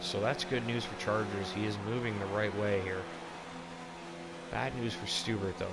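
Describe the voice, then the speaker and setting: Low-voiced man calling a motor race. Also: steady tone, moderate pace, creaky, very noisy. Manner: motorsport commentator calling the action, casual phrasing. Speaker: motorsport commentator. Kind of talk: live sim racing commentary.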